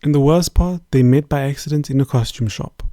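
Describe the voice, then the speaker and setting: A man's voice: mid-range voice, brisk, warm tone, no room sound. A man reading scripted narration in a plain announcing manner.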